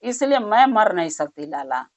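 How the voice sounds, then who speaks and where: A woman's voice: medium pitch, very animated, normal speed, no echo, lightly acted. A woman voicing a dramatic, selfish merchant's wife who laments and pleads. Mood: lamenting. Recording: dull muffled recording.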